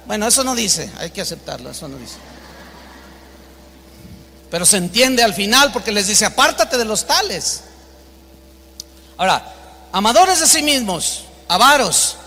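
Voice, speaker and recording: A man's voice: extremely high pitch, pushed and bright, big-room sound. A man with a Mexican Spanish accent preaching an emphatic sermon as pastor, acting out the voices in his stories.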